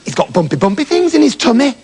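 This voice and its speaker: A man's voice: extremely high pitch, big pitch swings, fast, a little mellow, breathy edge, voice pushed up, exaggerated voice. A man voicing a fretful, melodramatic mother nanny goat in a spoken storybook. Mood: flustered. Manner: flustered, melodramatic wailing.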